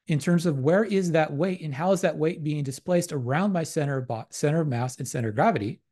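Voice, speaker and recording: Speaking a little fast in a fairly high, darkish voice, a male exercise science lecturer presents a slide lecture with his voice slightly raised. His approach is methodical and academic, and he keeps returning to the same technical terms.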